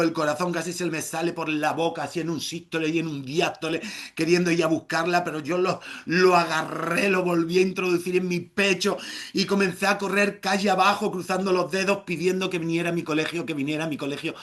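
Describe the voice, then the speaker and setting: A middle-aged man spins a comic tale for a live audience, his voice sitting high for a man. He tells it playfully and bursts into theatrical shouted exclamations. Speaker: storyteller. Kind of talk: live oral storytelling.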